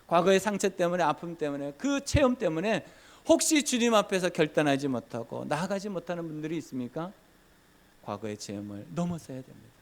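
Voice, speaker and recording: A man pastor giving a Sunday sermon in a church, acting out scenes dramatically. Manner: dramatic, acts out scenes with big pitch swings. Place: church sanctuary.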